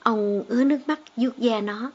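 A woman narrating a storybook in a steady, measured way. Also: on the high side, breathy edge. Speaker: audiobook reader. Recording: dull lo-fi audio with faint background music.

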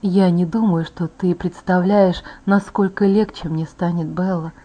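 A woman reading an audiobook voices a tender young immortal man, speaking softly and low. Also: fairly even intonation, measured pace, muffled recording.

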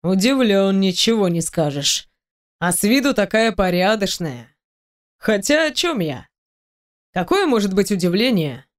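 A woman voicing a teasing, domineering male boss in an audiobook, speaking low, slow and mocking. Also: lively intonation, darkish tone, natural voice.

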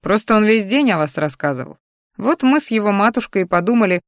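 A woman's voice: mid-range voice, expressive, fairly quick, no echo, clean studio sound, close to an everyday voice. A woman voicing a courteous, good-natured middle-aged father with a sly, teasing manner in a story.

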